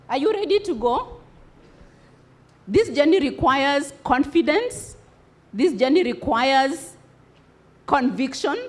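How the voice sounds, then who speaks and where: At a conference hall, a woman motivational speaker addresses students at a congress, asking rhetorical questions and repeating key words for emphasis. Her voice is high with a darkish tone.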